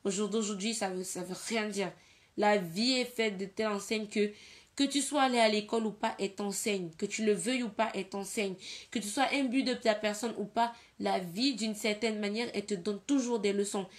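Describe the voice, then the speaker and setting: A woman's voice: medium pitch, moderate pace. A young woman from Cameroon talking bluntly and emphatically on a casual live video, often repeating her points. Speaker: livestreamer giving her opinion.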